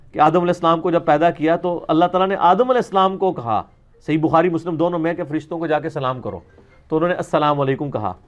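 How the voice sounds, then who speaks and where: This high-voiced man has a Pakistani Punjabi accent and is answering religious questions in an informal session. He speaks colloquially and emphatically, checking now and then that his listener is following along.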